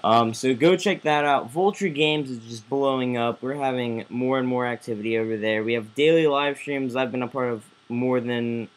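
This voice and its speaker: A man's voice: medium pitch, moderate pace, few pauses. A man hosting a casual live-stream chat, rambling with many fillers and restarts. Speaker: host.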